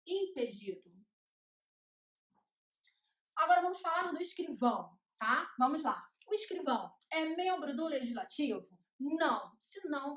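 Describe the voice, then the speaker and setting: Woman law teacher, higher register, sing-song list drills, roomy echo. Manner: rhythmic chanting of checklists. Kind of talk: classroom lecture at a whiteboard. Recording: echoey room.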